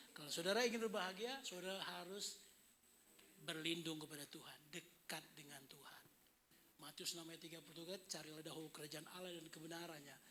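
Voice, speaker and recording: A man in his fifties preaches to his congregation with a high, bright voice. He keeps it chatty and full of jokes, turning to the listeners again and again, with a faint hum of the room behind him. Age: 50s. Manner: chatty, joking, addresses the congregation often. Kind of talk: sermon. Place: indoor service hall.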